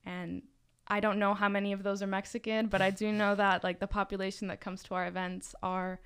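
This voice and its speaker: A young adult woman from Miami, Florida, talks casually on a podcast as a student club leader, chatty, full of fillers and restarts. Her mid-range voice is level and clean-toned, moving a little fast.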